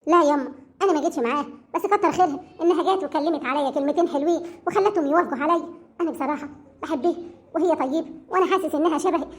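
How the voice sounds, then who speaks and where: A woman voicing a gentle, lonely young village man who speaks softly. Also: high voice, racing, natural voice. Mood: tender.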